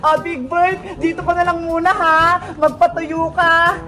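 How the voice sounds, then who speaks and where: A woman's voice: very high voice, fairly even intonation, measured pace. A woman voicing a crybaby little girl who whines and sobs over her lost toy, over background music. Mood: doting playful. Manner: whiny, sobbing complaints.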